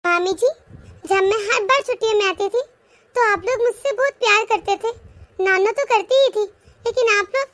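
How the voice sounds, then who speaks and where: A woman's voice: very high voice, normal speed, fairly bright tone. A woman voicing a spirited young girl in a cartoon, speaking with hurt, outspoken indignation. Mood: upset. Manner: pleading, indignant. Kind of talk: animated cartoon voice acting.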